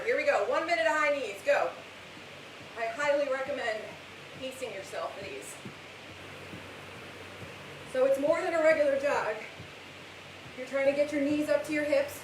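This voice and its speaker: A woman with a fairly high voice leads a workout, exerting herself as she gives cues and motivating countdowns. She is some way from the mic in a very echoey room, with clear hiss over the recording. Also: distant mic. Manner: exerting herself while talking through the exercises. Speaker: fitness instructor leading a home workout class. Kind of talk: live workout coaching.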